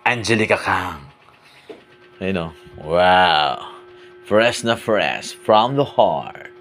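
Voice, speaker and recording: A man's voice: sits low, lively intonation, fairly bright tone, slight background noise. A man filming a playful home vlog, teasing and chatty, often stretching his words into sing-song calls. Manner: teasing, playful, repeats "guys" and "idol"; sing-song drawn-out calling. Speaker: vlogger. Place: inside a home.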